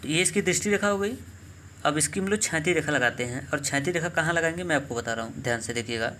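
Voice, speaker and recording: A male math teacher with a bright, forceful voice pitched slightly high, talking through a lesson step by step. He drills key terms by repeating them slowly and keeps checking in with quick questions, over a faint hum in the background. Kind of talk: classroom lesson explaining geometry.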